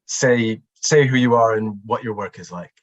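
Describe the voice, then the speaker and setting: A man hosting a literary panel, relaxed and encouraging, with frequent fillers. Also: on the low side, moderate pace, highs cut off. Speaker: panel host.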